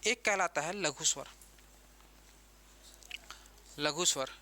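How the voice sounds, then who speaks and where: A man's voice: a little high, slow pace, sharp tone. A man teaching an exam-prep grammar lesson, who repeats key terms and keeps asking the class questions.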